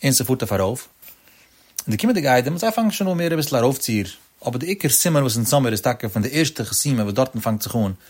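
A man giving an explanatory religious lecture as a teacher of religious law, speaking in a lilting, sing-song cadence with sudden rises in pitch and addressing his listeners directly as friends. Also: breathy edge.

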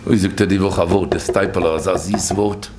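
A man telling stories from religious teachings in an informal, animated way, his voice leaping high and then dropping low. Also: a little fast, background noise. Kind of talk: informal storytelling talk. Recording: echoey room.

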